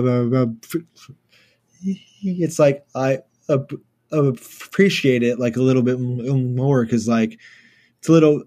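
Young male guest musician from Houston; relaxed, rambling delivery, warm mellow timbre. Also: mid-range voice. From Houston, Texas, USA. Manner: laid-back, many fillers like "like" and "uh". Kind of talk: casual interview chat.

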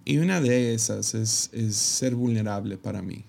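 A man who is a pastor, telling a personal story to camera in a reflective, halting way with many fillers. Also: lowish voice, vocal fry, a little mellow. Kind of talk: casual personal testimony to camera.

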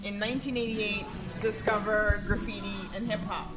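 A woman's voice: medium pitch, level tone, normal speed, fairly bright tone, soft background music. A woman co-hosting, asking curious questions in a casual, conversational interviewing style. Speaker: co-host.

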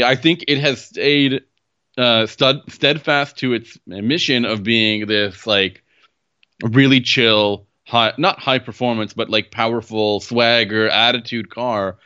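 A man's voice: mid-range voice, fairly bright tone, muffled recording. A man co-hosting a podcast, chatting casually and asking questions while searching for words. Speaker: podcast co-host.

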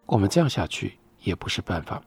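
A man reading the lines of a weary, despairing Japanese man in a postwar love story, in a flat, cold, resigned voice. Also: low voice, fast, creaky, slightly rough, no room sound, faint music behind, full character voice.

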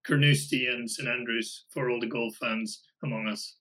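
A man with a Scottish accent chats as a guest on a podcast, talking loosely with plenty of "um"s and restarts. His voice sounds bright and forceful. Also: mid-range voice, fairly even intonation, moderate pace, low-quality recording. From Scotland. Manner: chatty, many fillers and restarts. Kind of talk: casual podcast interview.

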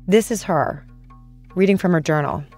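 A woman hosting a podcast, narrating from a script in a measured, calm way. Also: fairly low pitch, faint music behind. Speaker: podcast host.

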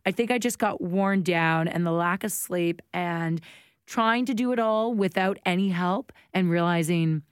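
Chatty woman in her late thirties, lowish voice. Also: unhurried, clean tone, dry recording, clean studio sound. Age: late 30s. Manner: candid, chatty, laughs often. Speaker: podcast co-host. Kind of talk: casual chat.

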